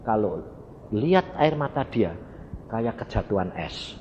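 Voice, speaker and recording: A middle-aged preacher, telling stories and acting out conversations in an unhurried, lively sermon. His voice rings through a long-echoing hall on a dull, muffled recording with faint background noise. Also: lowish voice. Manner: storytelling, acts out dialogue, addresses audience as brothers.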